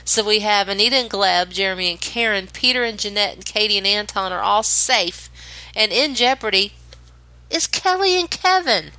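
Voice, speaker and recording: A woman's voice: mid-range voice, a little fast, pushed and bright, dry recording, poor audio. A woman co-hosting a podcast, recapping a dance competition show in casual, opinionated chat, sounding a bit stuffy. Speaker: podcast co-host.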